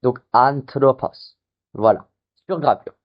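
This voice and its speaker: A man's voice: mid-range voice, slow pace. A man teaching an online lesson, explaining step by step with frequent fillers and restarts. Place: hot room with a fan running. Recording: dull lo-fi mic. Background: fan noise masked.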